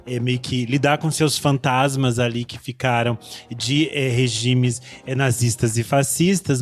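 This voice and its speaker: Measured Brazilian man explaining history. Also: a little high. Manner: measured, explanatory with hesitation fillers. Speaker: podcast host. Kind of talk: explanatory commentary.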